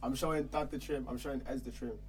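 A young man with a London roadman accent tells an animated anecdote in casual, slangy chat, repeating phrases for emphasis. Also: mid-range voice, fast talker, a crowd in the background, low-quality recording.

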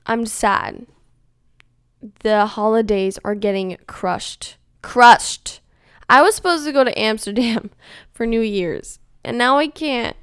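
A young woman talks to camera from home in a loose, rambling confessional chat, leaning on "like" over and over. Her voice is strikingly smooth and crisp, and the sound is completely dry with no room echo at all. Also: mid-range voice. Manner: rambling, filler-heavy, says "like" constantly. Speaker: vlogger.

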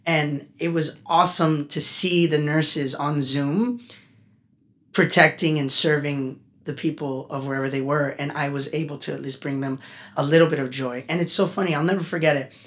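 A man, a musician guest on a casual podcast interview, talking in an animated, chatty way that turns heartfelt. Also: fairly high pitch, moderate pace. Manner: animated, talkative, gets emotional.

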